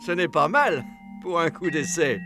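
A man voicing a stern, vengeful male duck in an audiobook, speaking in slow, measured questions. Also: fairly high pitch, lively intonation, loud music behind the voice, voice pushed down. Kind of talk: audiobook character reading.

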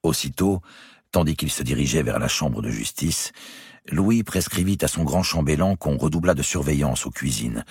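A man with a husky voice reading a historical novel aloud in a steady, composed way. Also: extremely low pitch, no echo, clean studio sound. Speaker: audiobook reader. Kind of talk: scripted narration of a historical novel.

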